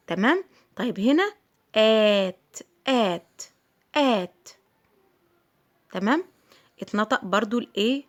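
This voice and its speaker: A middle-aged woman with an Egyptian Arabic accent teaching English letter sounds to children, patiently repeating each sound and checking in with her pupils. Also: mid-range voice. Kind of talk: phonics lesson for children.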